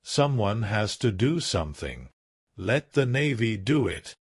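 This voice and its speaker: A man's voice: lowish voice, sing-song, a little slow, slightly rough, dry recording, clean studio sound, heavily acted. A man voicing a stern, determined middle-aged fisherman in a firm, clipped way. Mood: resolute.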